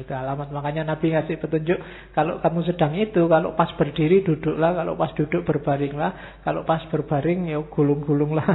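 A man leads a philosophy study session and teases his class with jokes. His voice sits a little high. The sound is thin and phone-like. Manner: relaxed, joking, speaks to the class as "kalian". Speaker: religious teacher.

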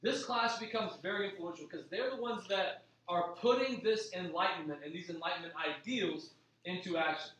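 A man's voice: sits high, moderate pace, fairly bright tone. A man teaching history in an informal, conversational classroom lecture style, stressing points by repeating them. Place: echoey room. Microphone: distant microphone. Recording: very echoey, distant mic, faint noise.

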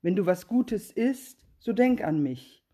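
A woman's voice: medium pitch, animated, slow pace, mellow, slightly rough. A woman voicing a trusting, good-natured little female mouse, eager and wondering.

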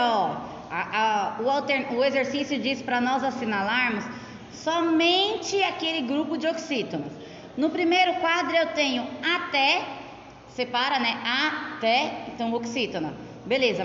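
A woman teacher with a Brazilian Portuguese accent walks her students through an exercise patiently, one step at a time. Her voice sits somewhat high. It rings around an echoey classroom with a long tail of reverb, over a faint hiss. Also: a bit bright. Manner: patient, explains step by step with frequent tag questions. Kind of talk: classroom explanation. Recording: echoey, dull lo-fi room recording.

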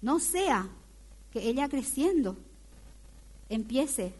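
A woman preaching a sermon in a lively way, often asking her audience questions. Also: high voice, slow, slightly rough.

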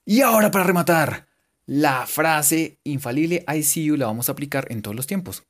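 A man giving a casual, joking English lesson and repeating English words slowly for his students. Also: fairly high pitch, expressive. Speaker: English teacher. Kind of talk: casual bilingual language lesson.

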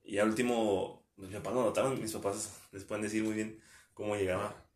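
A man's voice: lowish voice, steady tone, a little fast, reverberant. A young man with a Mexican accent, chatting casually as a podcast host, telling a personal story and acting out what people said. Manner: chatty storytelling, acts out quotes. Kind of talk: casual chat.

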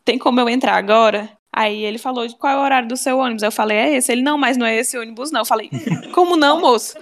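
Fast-talking Cearense woman telling a story. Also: a little high. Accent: Cearense Brazilian Portuguese. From Ceará, Brazil. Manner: animated, acts out dialogue, fast. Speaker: storyteller guest. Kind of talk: casual storytelling chat.

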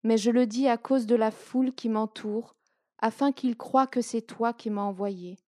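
A woman voicing a grave, calm male teacher of faith in a slow, solemn reading. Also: fairly high pitch, dry recording, studio quality, lightly acted.

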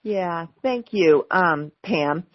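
An American woman speaking as a candidate hosting a live telephone town hall, with a halting delivery full of hesitations, over a phone. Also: on the low side, expressive. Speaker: city council member running for mayor, hosting a town hall. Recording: dull, lo-fi telephone line.

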